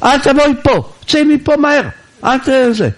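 A man's voice: extremely high pitch, expressive, mellow, a little hiss or hum, pitched above the performer's own voice. A man voicing a poor husband who snaps at his wife to mind her own business, in a raised voice. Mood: defensive. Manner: brushing off, defensive snapping. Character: poor husband, secretive and defensive.

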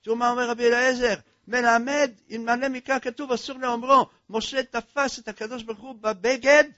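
A male preacher giving an impassioned eulogy sermon that swings between loud cries and hushed, low passages. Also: level tone, dry recording. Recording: dull lo-fi recording.

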